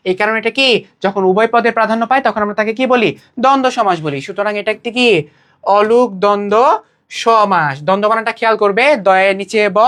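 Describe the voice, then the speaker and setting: A woman teaching a grammar class for an admission exam, speaking. She asks questions and answers them herself. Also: mid-range voice. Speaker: admission test Bangla tutor. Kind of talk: online exam-prep lecture.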